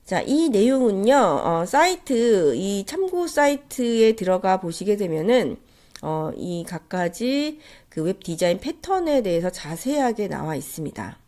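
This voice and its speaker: Her voice sits in the mid-range with a dark tone, and she's very animated while keeping a measured pace. This woman is teaching from slides, explaining things politely despite a cold that leaves her nasal and stuffed-up.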